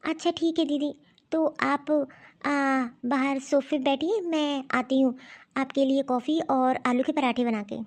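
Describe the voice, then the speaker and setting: A woman voicing a mild, busy young daughter-in-law in an animated cartoon story, puzzled and often talking to herself. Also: high voice, measured pace.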